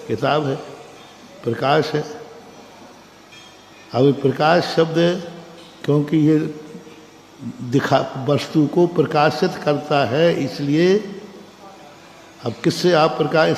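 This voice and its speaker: A man's voice: on the high side, gravelly, darkish tone. A man teaching as a monk in a classroom-style religious lecture, quizzing his listeners and repeating key phrases in a conversational way. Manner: quizzes listeners with frequent questions. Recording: echoey hall with faint background noise.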